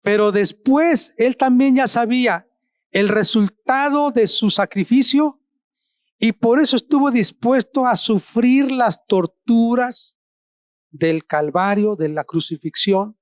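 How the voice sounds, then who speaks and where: Slow, deliberate male pastor preaching. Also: no echo, studio quality. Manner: slow, deliberate preaching with long pauses between short phrases; rises in pitch for emphasis, drops low and soft on solemn words. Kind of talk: sermon. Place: church service streamed online.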